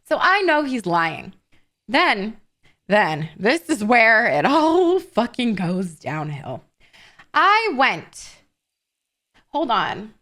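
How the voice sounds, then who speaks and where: Young woman, higher-pitched, roleplay streamer, animated storyteller with crude, indignant rants. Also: extremely slow, long pauses. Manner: animated, swearing, rising to indignant outbursts. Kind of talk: casual in-character storytelling.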